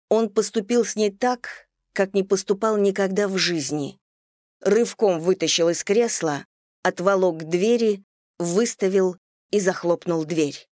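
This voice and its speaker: An audiobook narrator reading a novel in steady, even scripted narration. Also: medium pitch, a little slow, no room sound, studio quality.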